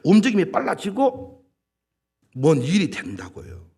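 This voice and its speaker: Male pastor preaching, voice swings all over the place, kinda husky. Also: fairly high pitch, unhurried. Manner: animated, emphatic, dramatizes with quoted voices. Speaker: senior pastor. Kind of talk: sermon.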